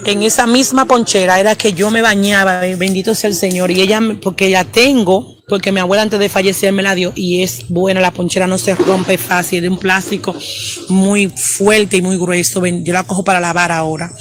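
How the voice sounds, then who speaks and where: A man's voice: sits high, flat delivery, moderate pace, a bit bright, a little hiss or hum. A man evangelist, telling a personal testimony and peppering it with praise interjections. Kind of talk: testimony storytelling.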